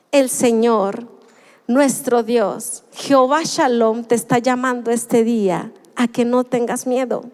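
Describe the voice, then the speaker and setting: A woman, preaching a sermon in an earnest, measured way and slowing down for emphasis. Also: high voice, a little mellow, big-room sound. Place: church.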